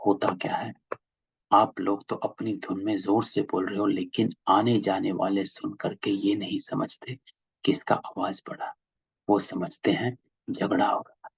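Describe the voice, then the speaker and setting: A man's voice: fairly low pitch, flat delivery, measured pace, no room sound. A man leading a spiritual class, patiently explaining a discourse and repeating key phrases over a video call. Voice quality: gravelly, husky. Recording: dull lo-fi call audio, dry.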